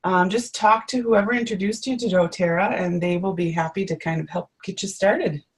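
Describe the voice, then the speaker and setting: A woman's voice: medium pitch, fairly quick, husky. A woman co-hosting a live webinar, explaining things in a friendly, casual way with frequent ums. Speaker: webinar co-host. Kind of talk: casual presenting.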